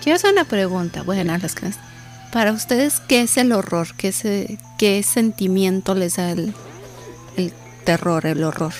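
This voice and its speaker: A woman, co-hosting a podcast, chatting casually and asking questions with quick quips. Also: mid-range voice, lively intonation, a little mellow, soft background music. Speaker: podcast co-host. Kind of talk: casual chat.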